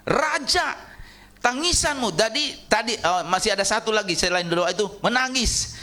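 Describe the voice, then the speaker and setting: A male pastor preaching a sermon in a church, swinging between loud high calls and low soft asides. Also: brisk.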